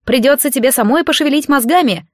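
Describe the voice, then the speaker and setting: A woman doing a cheeky child god, pitched high. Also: no echo, clean studio sound, close to an everyday voice. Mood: indignant. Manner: petulant, teasing, quick, grown-up under a child's voice. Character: cheeky shape-shifting child god, boyish, grumpy. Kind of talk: audiobook character voice.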